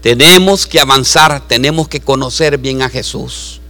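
A man preaching a sermon to a church, swinging from low asides to loud preaching. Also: normal speed. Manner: acts out voices in his story.

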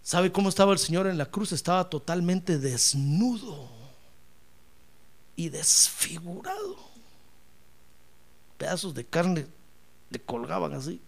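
A man's voice: fairly high pitch, normal speed, vocal fry. A man preaching a sermon, speaking emphatically and often calling his listener brother.

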